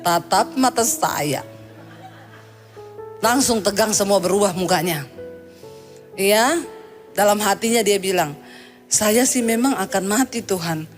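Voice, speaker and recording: High-voiced woman pastor preaching with humor. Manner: storytelling with humor, quoting people vividly. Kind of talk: sermon.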